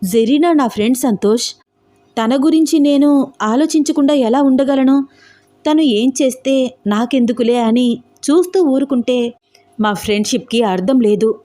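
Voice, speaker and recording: A woman's voice: medium pitch, moderate pace, long pauses, warm tone, lightly acted. A woman voicing an outspoken, protective young woman in a storybook romance, pressing her questions indignantly. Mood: agitated.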